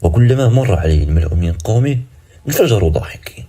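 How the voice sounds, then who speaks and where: Deep, husky, fast-paced male storyteller. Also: animated, mellow. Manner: suspenseful, with cliffhanger questions. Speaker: narrator. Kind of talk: dramatic scripted storytelling narration.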